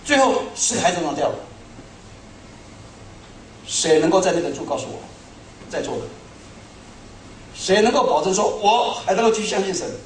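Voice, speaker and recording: A middle-aged man preaching a sermon to a congregation, telling stories in an animated, self-mocking way. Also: high voice, normal speed, pauses often, a little hiss or hum. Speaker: pastor. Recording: echoey hall, speaker far from mic.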